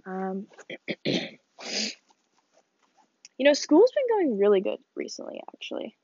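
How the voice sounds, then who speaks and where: A woman's voice: mid-range voice, huge pitch swings, takes it slowly, mellow, dry recording, highs cut off. A teenage woman hosting a casual solo podcast, chatty and rambling, sniffling and laughing as she talks. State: sniffly, coughing. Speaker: podcast host. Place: small bedroom.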